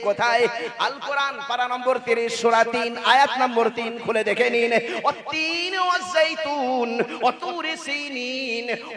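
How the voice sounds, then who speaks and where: A man preaching an Islamic sermon to a gathering, with an emphatic, rising delivery, and he calls on the listeners to answer him. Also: very high-pitched. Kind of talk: waz sermon to a crowd. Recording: live sermon with audible crowd. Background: crowd.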